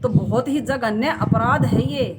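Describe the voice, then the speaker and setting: Woman vlogger ranting at the camera, highish voice, loud noise behind her. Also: measured pace. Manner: indignant, scolding, rhetorical questions. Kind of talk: impassioned talking-to-camera rant.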